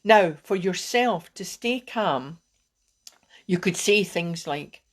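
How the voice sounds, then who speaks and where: On a live video, a woman who works as a wellbeing coach teaches calming techniques in a gentle, encouraging manner, frequently restarting her sentences. Her voice is lowish and her pace is slow.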